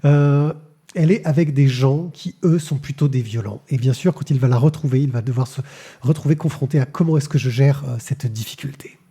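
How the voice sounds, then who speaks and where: Halting, bright-voiced podcast man. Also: mid-range voice, husky. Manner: halting, many fillers and repeated words. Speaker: podcast host reviewing comics. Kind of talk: casual podcast chat. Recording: live-streamed podcast.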